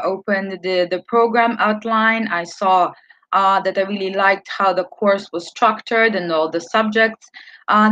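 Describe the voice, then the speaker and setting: A woman's voice: medium pitch, fairly bright tone, no echo, muffled recording. A woman in her twenties from Serbia, a student giving an earnest talk to an online audience with many fillers and restarts. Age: 20s. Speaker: student speaker.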